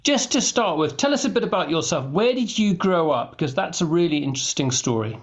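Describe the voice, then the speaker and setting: A man's voice: on the high side, lively intonation. A man hosting an interview, opening with a scripted intro and then asking questions with frequent restarts. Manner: halting, restarts often when asking questions. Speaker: interview host.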